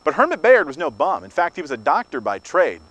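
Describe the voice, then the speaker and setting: A man's voice: fairly high pitch, wildly swooping pitch, fairly quick, a bit bright, dry recording, poor audio. A man hosting a haunted cave tour in a casual, joking, playful way. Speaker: host of a haunted cave investigation. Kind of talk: casual on-location ghost tour presenting.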